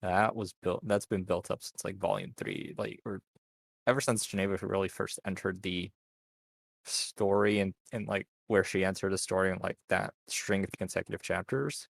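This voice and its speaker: A man with a very low voice and a gravelly edge co-hosts a relaxed discussion. He talks in a halting way, stopping and restarting as he works through his thoughts. The sound is close and dry. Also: no echo. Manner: halting, thinks aloud with many fillers. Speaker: co-host. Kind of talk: casual discussion.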